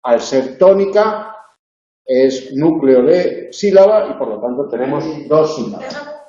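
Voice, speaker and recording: With a dark tone, a sing-song delivery and a measured pace, a man whose voice runs on the high side teaches a university phonology tutorial. The lecturer works step by step, often saying "eh" and using tag questions, and the classroom recording is echoey, dull and lo-fi.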